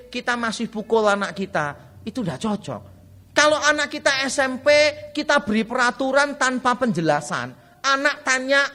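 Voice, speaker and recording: A pastor giving a parenting seminar, speaking with a light tinge in a chatty, humorous way and often addressing the audience directly. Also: male voice, extremely high pitch, sharp tone.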